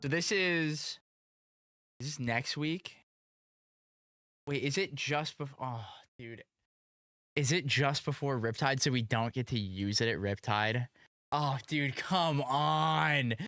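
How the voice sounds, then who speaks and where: A streamer chatting casually and reacting in an expressive, slangy, exclamatory way. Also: mid-range voice, slow pace, pauses often, dry recording, studio quality.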